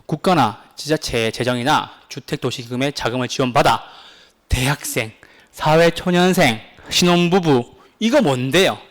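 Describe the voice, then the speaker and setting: A man teaching a real estate exam prep class, lively and insistent, constantly quizzing his students with questions. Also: mid-range voice, moderate pace. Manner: pleading, insistent.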